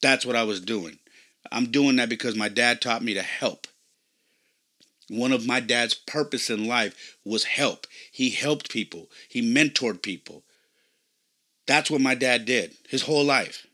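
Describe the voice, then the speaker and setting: A man's voice: mid-range voice, a little slow, sharp tone. A middle-aged man hosting a podcast, telling personal stories in a rambling, conversational way that grows emphatic. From California. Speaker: podcast host. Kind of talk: personal storytelling monologue.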